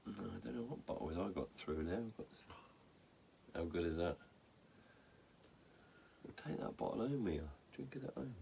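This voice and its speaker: A man with a low, deep voice chats casually as co-host of a drinks show. He sounds dry and offhand, and there is audible noise with occasional clicks behind him. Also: animated, normal speed, creaky, pauses often, warm tone. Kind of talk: casual chat.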